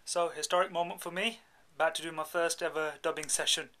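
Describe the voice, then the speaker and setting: A man's voice: on the high side, fairly even intonation, fast talker, bright, forceful tone. A young man with a British accent keeping a casual video diary in an informal, matey, slangy way. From England. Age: young adult. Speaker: film actor, vlogger. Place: dubbing studio rooms and inside a parked car. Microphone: handheld camera at arm's length.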